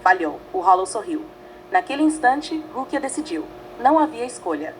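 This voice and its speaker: A woman narrating a fanfiction story in a dramatic, measured way, reading in short phrases. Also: on the high side, big pitch swings, slight background noise, low-quality recording.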